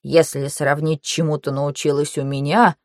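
An elderly male teacher in an audiobook, voiced by a woman narrator, fussy and measured, who drags out his words in a lowered, careful tone. the recording is dry and close, with no room sound. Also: level tone, no echo. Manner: slow, weighty, hesitant. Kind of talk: audiobook character voice.

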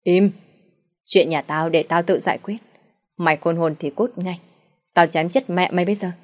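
A woman voicing a drunken, abusive middle-aged father who shouts insults at his family. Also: lowish voice, fairly even intonation, natural voice. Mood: raging. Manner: shouting insults, fast and loud.

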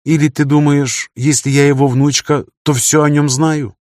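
A man's voice: a little high, level tone, normal speed, a little mellow, no room sound, clean studio sound, voice pushed up, natural voice. A man voicing a captive young woman who is sulky and defiant, snapping and pleading by turns. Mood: bitter.

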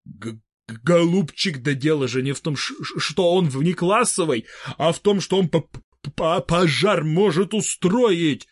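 A man voicing a flustered older wizard scientist who stutters heavily and gets excited. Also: on the high side, unhurried, breathy edge, dry recording, clean studio sound. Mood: fretting.

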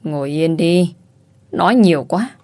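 A woman's voice: fairly low pitch, lively intonation, measured pace, a little mellow. A woman voicing a crude, curt young man who mocks and teases. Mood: teasing. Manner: curt, mocking.

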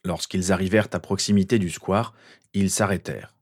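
A man narrating a fan fiction audiobook in a steady, measured way. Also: low-pitched, no room sound, clean studio sound.

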